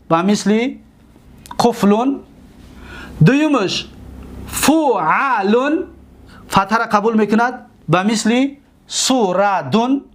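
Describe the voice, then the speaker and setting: Tajik-accented male teacher, lively melodic delivery, stretches out example words. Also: very high-pitched. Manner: slow, drawn-out on example words; questions the listeners and answers himself. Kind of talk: grammar lesson.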